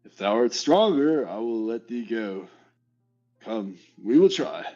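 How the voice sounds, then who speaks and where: A man's voice: mid-range voice, very animated, takes it slowly, warm tone, dull audio, soft background music. A man playing a bold, boastful young man in a storybook reading, with cheeky, hammed-up defiance. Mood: defiant.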